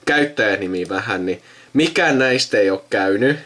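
Recording himself with a friend at an indoor computer, a young video host talks casually in a lowish, slightly bright voice with lively intonation. He rambles as he thinks aloud and tends to trail off mid-sentence.

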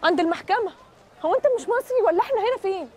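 An actress with an Egyptian accent playing a frantic young woman searching for her lost little brother, pleading and quick to snap back. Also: extremely high pitch, lively intonation, darkish tone. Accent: Egyptian Arabic.

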